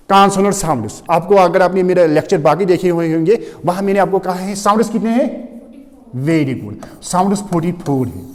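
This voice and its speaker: A man teaching an English literature lecture, switching between Hindi and English, reading definitions slowly and often checking that students follow. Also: high voice, darkish tone. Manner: mixes Hindi and English, keeps asking if students understand; reads definitions slowly and deliberately. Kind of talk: classroom lecture. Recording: long reverb of a hall.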